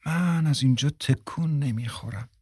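Stubborn young wife read by a male narrator: raised pitch, insistent, dry audiobook read. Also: lively intonation, darkish tone, no echo, natural voice. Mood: coaxing. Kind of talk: audiobook character reading.

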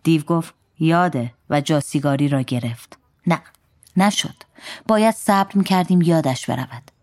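A woman reading a first-person story aloud in a calm, wry storytelling manner. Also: low voice, no room sound, studio quality.

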